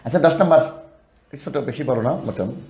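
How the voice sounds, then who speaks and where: Man, Bangladeshi Bengali accent, spelling teacher, sing-song word drills, warm mellow tone, echoey room. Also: mid-range voice, quick pace. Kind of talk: spelling lesson.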